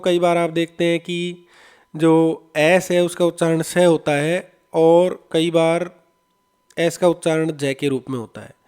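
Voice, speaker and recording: Clear-voiced man teaching English. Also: a little high, a little mellow. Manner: patient, repeats words slowly for students. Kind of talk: explaining an English lesson in Hindi.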